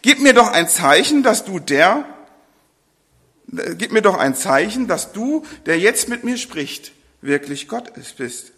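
A preacher voicing Gideon, pleading and doubtful. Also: male voice, high voice, big pitch swings, a little slow, pushed and bright, exaggerated voice. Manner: pleading, rising questions. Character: anxious, doubting young male farmer Gideon. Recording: long hall reverb.

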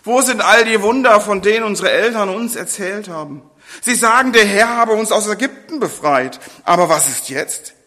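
A man's voice: sits high, animated, normal speed, bright, forceful tone, voice pushed up. A man voicing Gideon, an anxious, doubting young male farmer, with pleading, rising questions. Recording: long hall reverb.

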